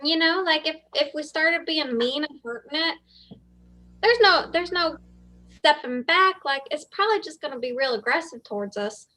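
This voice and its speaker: A woman's voice: sits high, lively intonation, normal speed, bright, forceful tone. A woman player in a tabletop game who talks in a chatty way.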